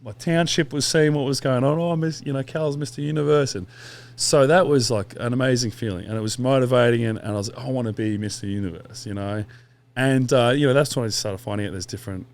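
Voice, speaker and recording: A man's voice: medium pitch, fast. A man, a podcast guest telling long stories in a casual, rambling way with quoted asides and swearing. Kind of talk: casual interview chat.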